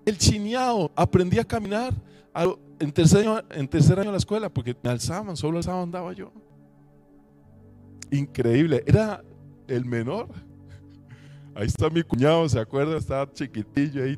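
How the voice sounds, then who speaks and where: Pastor, slightly high voice. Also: male voice. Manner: emotional storytelling, swinging between loud preaching and hushed recollection. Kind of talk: sermon with personal testimony. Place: church service.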